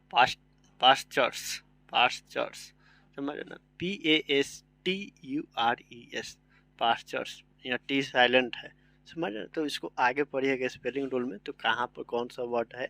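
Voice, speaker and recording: A man's voice: medium pitch, creaky, sharp tone, dry recording. A man teaching a vocabulary lesson. He spells each word out letter by letter and keeps asking if his students follow. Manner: spells words letter by letter, often asks "samajh rahe na".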